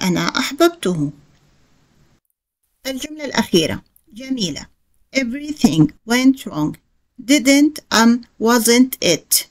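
A woman with a fairly high voice, teaching an English workbook lesson. She reads each example sentence slowly and carefully, then translates it and explains the grammar at a steady teaching pace. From Jordan.

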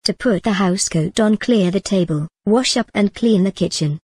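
A woman reading a story aloud in a measured, even manner. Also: medium pitch, breathy edge, no echo. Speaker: narrator. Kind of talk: storybook narration.

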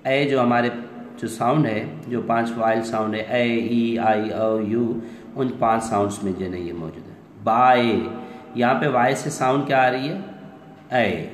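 A man teaching an online English class, explaining step by step and asking questions he answers himself, slowing down to stretch out English phrases. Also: mid-range voice. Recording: roomy echo with long reverb, faint noise.

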